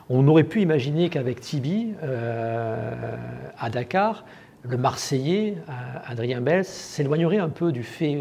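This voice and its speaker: A man's voice: mid-range voice, vocal fry, mellow, breathy edge. A man interviewing an author, asking hesitant questions full of fillers. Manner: hesitant, many "euh"s.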